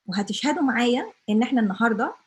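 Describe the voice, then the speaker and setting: A woman's voice: on the high side, animated, rapid-fire. A woman with an Egyptian Arabic accent gives an informal lecture at a church family meeting, dropping English terms and asking her listeners rhetorical questions.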